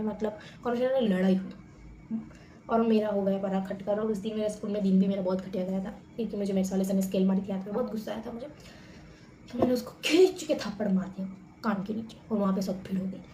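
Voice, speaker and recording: A young woman talks fast and chattily to her viewers, spinning stories in an animated, familiar way. Her voice sits mellow and dark in tone. An echoey room surrounds her, with a faint background hum. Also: mid-range voice. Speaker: vlogger. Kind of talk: casual storytelling to camera.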